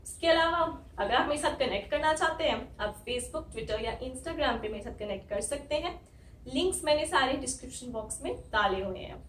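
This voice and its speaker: A woman teacher giving a spoken language lesson, explaining slowly and spelling out each sound step by step. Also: high voice, animated, a bit bright, slight background noise. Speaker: English teacher. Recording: echoey room, from some distance.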